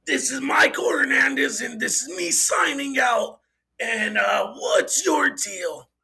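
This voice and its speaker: A man imitating the podcast host's voice for a shouted, mock-formal sign-off. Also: extremely high pitch, slow pace, gravelly, husky, exaggerated voice. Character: man mimicking the show's host signing off.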